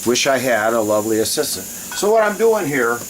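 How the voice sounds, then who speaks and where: A man's voice: mid-range voice, brisk. A man chatting casually and in a rambling way as he shows a recipe on a home cooking video, breaking off now and then. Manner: rambling, often breaks off to handle things. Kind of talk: casual cooking vlog chat. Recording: loud steady hiss behind voice. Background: loud hissing.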